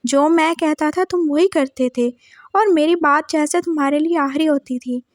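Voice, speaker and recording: A woman's voice: high-pitched, normal speed, dry recording, clean studio sound, natural voice. A woman voicing an older, sensitive husband who speaks earnestly and scolds sharply.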